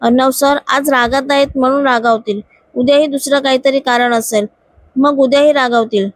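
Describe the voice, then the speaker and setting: A woman's voice: high voice, fairly even intonation, moderate pace, a little hiss or hum, lightly acted. A woman voicing a determined young female office worker who pleads earnestly for her friend. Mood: pleading.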